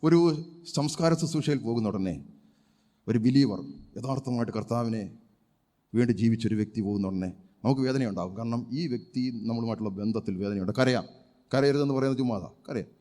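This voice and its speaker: Fast-preaching pastor man in an echoing hall. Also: medium pitch. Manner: emphatic preaching with rhetorical questions and loud cries of praise. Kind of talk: sermon. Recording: long hall reverb.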